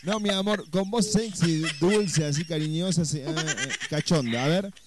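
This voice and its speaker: A man's voice: fairly high pitch, moderate pace, heavy background noise. A man with an Argentine accent hosting a comedic radio call-in, teasing the caller in a crude, mock-flirty way. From Córdoba, Argentina. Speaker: radio host.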